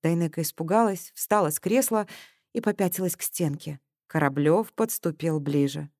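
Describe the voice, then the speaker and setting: A woman narrating a detective audiobook in an even, measured reading. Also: sits low, no echo, clean studio sound. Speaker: audiobook reader.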